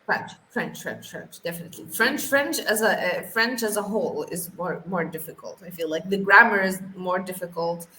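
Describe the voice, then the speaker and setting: Her voice is on the low side, bright and forceful, moving at normal speed with hardly any pauses. An Algerian woman in her thirties who teaches English, her third language rather than her first, she answers interview questions casually and repeats words often as she thinks. The room echoes, with faint noise in the background.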